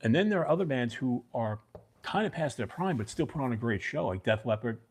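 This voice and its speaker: Husky, a little mellow and a little fast, this mid-range, expressive voice belongs to a middle-aged Brooklyn man hosting a casual livestream. With his New York–New Jersey accent, he rambles and responds to chat viewers by name.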